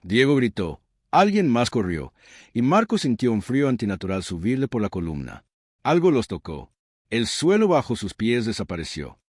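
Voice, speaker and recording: A man's voice: mid-range voice, big pitch swings, normal speed, a little mellow, no room sound, studio quality. A man reading a scripted horror story in a dramatic, suspenseful storytelling manner. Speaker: narrator.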